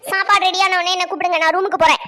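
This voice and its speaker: A high, squeaky cartoon boy who is full of himself, snapping out demands in a rapid rush. He talks down to everyone around him and expects to be obeyed. Someone acts him out for the animation. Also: flat delivery, pushed and bright. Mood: bossy. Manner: domineering, scornful orders. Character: bossy, arrogant young boy. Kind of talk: cartoon voice acting.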